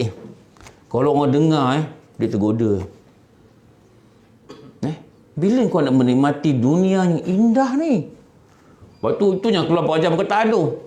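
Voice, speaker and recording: A Malaysian man giving an earnest sermon, his voice pitched a little high. He sounds roomy and echoey, recorded in an office prayer room. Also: dark tone. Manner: earnest, drops his voice low to mimic temptation. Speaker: religious teacher.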